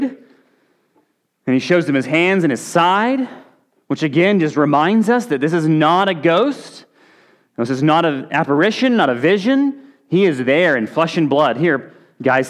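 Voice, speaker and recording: Man preaching a conversational sermon. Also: on the high side. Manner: conversational, with brief acted-out quotes. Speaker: pastor.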